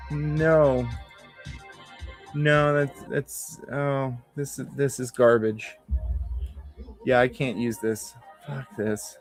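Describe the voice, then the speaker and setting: A man hosts a casual livestream while fighting a cold, talking in a chatty, sardonic way and swearing freely. His voice sits at an ordinary middle pitch. Faint music plays underneath him. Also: steady tone, very slow, pauses often. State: has a cold. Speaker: livestream host. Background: faint background music.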